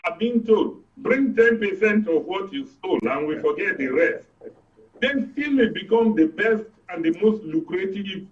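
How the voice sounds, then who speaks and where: In a political discussion, a man with a Nigerian accent appears as a guest commentator, emphatically laying out his views and repeating points for effect. His voice sits high and is animated at a measured pace, while the studio audio sounds dull and distant.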